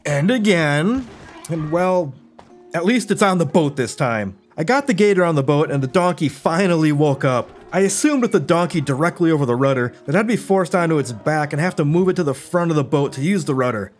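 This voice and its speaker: A man's voice: a little high, animated, fairly quick, faint music behind. A man narrating gameplay from a script as a YouTuber, with wry, self-deprecating storytelling. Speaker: gaming YouTuber.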